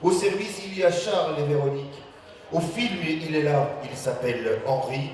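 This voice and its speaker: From a cabaret stage, a man with a somewhat high, slightly mellow voice makes chatty, hesitant announcements at a moderate pace, repeating words as he goes. He's the master of ceremonies, picked up by a slightly distant microphone in an echoey hall.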